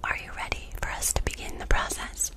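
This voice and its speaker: A young adult woman whispers a role-play as a reiki healer, breathy and close to a desk microphone in a small dark room indoors. Her fast, insistent ASMR uses rapidly repeated, commanding words, directing the listener to focus.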